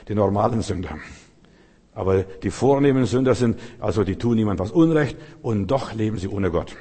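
A man's voice: on the low side, mellow, husky. A middle-aged man preaching a sermon with fervor, calling on the congregation for responses. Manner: fervent, calls to the congregation for responses. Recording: long hall reverb.

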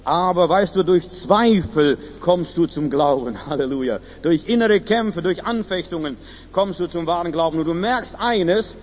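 Emphatic high-voiced male preacher. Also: animated, moderate pace, big-room sound, highs cut off, a little hiss or hum. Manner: emphatic, shifts between loud exclamation and low quiet asides. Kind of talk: sermon. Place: church service.

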